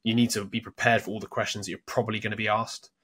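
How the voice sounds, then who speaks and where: Male co-host, slightly husky, loose conversational delivery with frequent restarts. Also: lowish voice, level tone, very fast, a bit bright. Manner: rambling, restarts, thinking aloud. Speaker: podcast co-host. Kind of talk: casual book-summary discussion.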